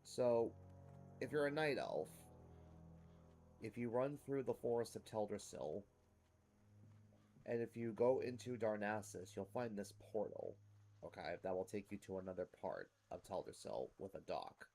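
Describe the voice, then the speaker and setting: Guy with a lowish voice explaining game stuff to viewers, casual commentary. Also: expressive, a little slow, mellow. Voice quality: rough smoker's-type cough. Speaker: host of a gameplay series.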